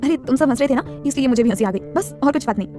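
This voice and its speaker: A woman's voice: high voice, animated, fast, mellow, soft background music. A woman voicing a giggly young woman in an audio story, speaking playfully while holding back laughter. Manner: stifling laughter.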